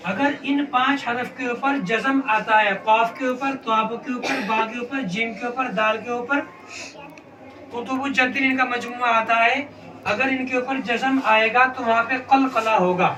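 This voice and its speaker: A man's voice: very high-pitched, steady tone, measured pace. A man teaching children to read the Quran, asking questions over and over and drilling letter sounds. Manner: patient, repetitive questioning of pupils. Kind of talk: classroom lesson with call-and-response. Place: classroom with children. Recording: echoey room, distant mic, noisy. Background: children's voices and room noise.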